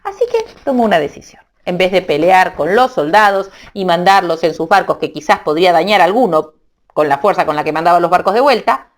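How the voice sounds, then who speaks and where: A woman tells a children's story with a lively voice that swings up and down. She is playful and expressive, tossing in sound effects as she goes. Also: medium pitch.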